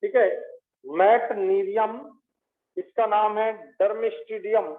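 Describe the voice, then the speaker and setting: Guy teaching chem, slow and high, says every name over and over, thin phone-ish audio. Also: little pitch movement, phone-quality sound. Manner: repeats each element name slowly, drilling students. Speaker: chemistry teacher. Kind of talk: classroom lecture.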